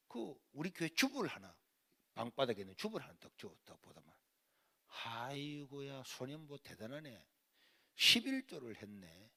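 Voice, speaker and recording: A man preaching a revival sermon in a Gyeongsang dialect, telling a lively personal story and acting out family quarrels. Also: mid-range voice, gravelly. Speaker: pastor. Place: church sanctuary.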